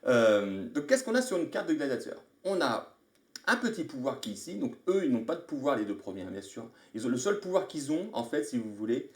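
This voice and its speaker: A man's voice: mid-range voice, very animated, fairly quick. A man hosting a live stream, casually explaining board game rules while thinking aloud and greeting viewers. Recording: echoey room.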